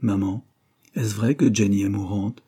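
An eager, honest schoolboy in a storybook, speaking a little higher than a low, husky base as a man reads him. The tone stays dark and mellow. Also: steady tone, measured pace. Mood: distressed. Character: earnest, candid schoolboy. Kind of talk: audiobook character voice.

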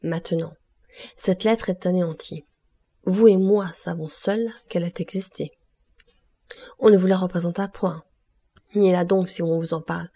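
A woman's voice: fairly low pitch, steady tone, moderate pace, long pauses. A woman reading a tense male prosecutor. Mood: insistent. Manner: commanding, then hushed and pleading. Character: anxious, pale male crown prosecutor.

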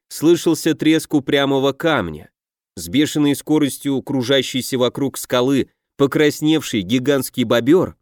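A man narrating a fantasy audiobook in a steady, measured way. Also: mid-range voice, dry recording, studio quality.

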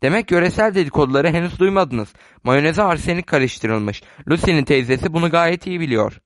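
A man's voice: fairly high pitch, animated, brisk, no room sound, natural voice. A man playing a sarcastic, blunt young man. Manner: sarcastic, teasing.

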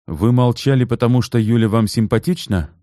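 A man's voice: medium pitch, a little fast, dark tone, no room sound, clean studio sound, pitched above the performer's own voice, close to an everyday voice. A man voicing a stern former police officer questioning people in an audiobook reading. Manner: stern, firm, threatening.

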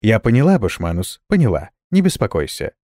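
Man reading as a tough bossy warrior lady, short orders, lively pitch. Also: a little fast, no echo, studio quality. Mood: reassuring. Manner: curt, commanding. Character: stern female warrior noble, impatient.

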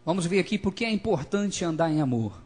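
Male preacher, husky and somewhat high-voiced, lively sermon delivery with call-and-response. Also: a little fast. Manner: calls for congregation responses, swings between loud emphasis and quiet asides.

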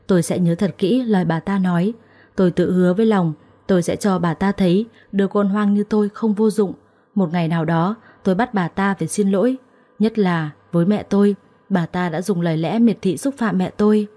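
A young woman narrating a first-person story in a calm, reflective way. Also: on the low side, brisk.

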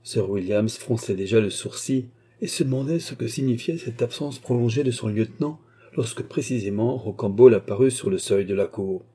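A man narrating a classic novel as an audiobook in steady, measured storytelling. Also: medium pitch, husky.

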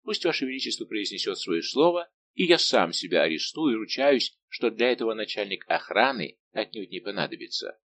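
Male reader as a middle-aged musketeer captain: calm, respectful, unbending, low-pitched. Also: brisk, vocal fry, few pauses, full character voice. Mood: calm defiant. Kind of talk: audiobook reading.

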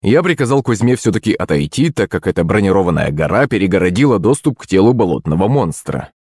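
Lively low-voiced male audiobook narrator. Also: fast, breathy edge, no room sound, studio quality. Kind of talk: scripted first-person narration.

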